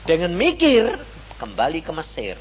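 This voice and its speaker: A man's voice: fairly high pitch, huge pitch swings, moderate pace, dull audio, a little hiss or hum. An older man with a Javanese accent preaching a sermon in a conversational way, full of rhetorical questions. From Central Java, Indonesia.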